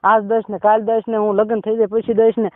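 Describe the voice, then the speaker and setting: A man's voice: high voice, monotone, fast talker, dry recording. A man speaking on a private phone call, pushy and insistent, often tagging his sentences with a question. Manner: pushy, insistent, repeats "બરોબર?". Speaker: caller. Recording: tinny phone line call recording.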